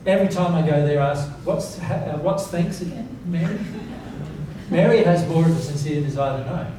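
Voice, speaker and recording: In a seminar room full of echo and noise, captured on a far-off mic, a man with a warm, somewhat high voice talks at a normal pace. He's giving an informal, emphatic lesson on spiritual principles, repeating key words and posing rhetorical questions so the audience keeps up.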